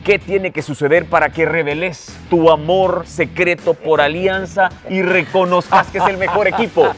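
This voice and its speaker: A man's voice: sits high, steady tone, moderate pace, soft background music. A man hosting a casual podcast, reading out fan questions in an upbeat, teasing way.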